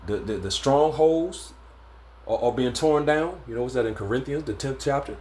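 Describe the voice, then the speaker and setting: A man's voice: mid-range voice, lively intonation, normal speed, a little mellow. Laid-back man teaching scripture. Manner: laid-back, stumbling, many fillers and "man". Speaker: religious teacher. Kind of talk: informal scripture lesson.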